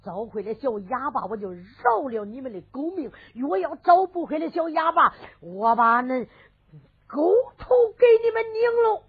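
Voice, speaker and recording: A woman's voice: high voice, sing-song, normal speed, a little hiss or hum. A woman with a Henan accent voicing an angry, bullying male innkeeper who barks threats. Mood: furious. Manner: barking, threatening. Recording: phone-like lo-fi with faint music.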